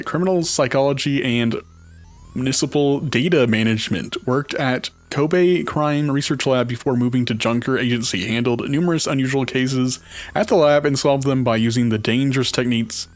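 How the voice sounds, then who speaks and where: A man's voice: medium pitch, moderate pace, dry recording. Man reading game text aloud. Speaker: let's play player.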